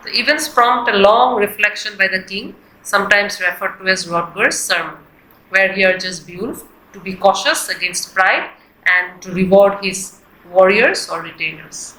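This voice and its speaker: A woman giving a scripted, explanatory literature lesson in a deliberate, textbook-like manner. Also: medium pitch, pushed and bright. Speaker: literature teacher. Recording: echoey, roomy sound.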